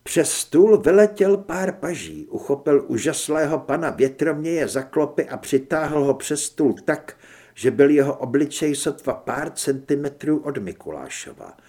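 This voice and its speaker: A man narrating an audiobook in an expressive, scripted style. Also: on the high side.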